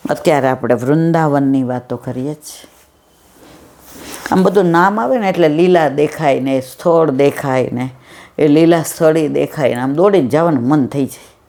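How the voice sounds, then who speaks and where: A woman's voice: low voice, normal speed, dark tone. An older woman giving a devotional satsang talk, telling anecdotes and acting out the dialogue. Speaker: satsang speaker.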